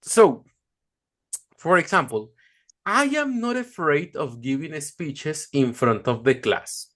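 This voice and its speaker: A man's voice: a little high, animated, takes it slowly, sharp tone. A man teaching an online English class over a video call, patient and encouraging, often stopping to correct pronunciation.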